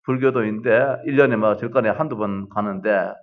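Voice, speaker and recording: A middle-aged male pastor preaching a sermon, animated and full of rhetorical questions. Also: fairly low pitch, fairly quick, narrow, tinny audio.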